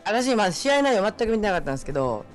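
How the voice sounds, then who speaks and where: A man's voice: sits high, sing-song, very fast, soft background music. A man co-hosting a let's-play, teasing and joking with his partner. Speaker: co-commentator. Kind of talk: casual let's-play chat.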